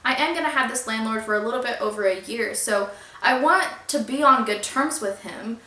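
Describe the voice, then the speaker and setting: A young woman tells a storytime vlog in a fairly high voice, earnest and trying to stay polite while upset. The room around her is echoey and bounces her voice back. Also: fairly quick, pushed and bright. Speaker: vlogger. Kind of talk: storytime vlog, reading out emails.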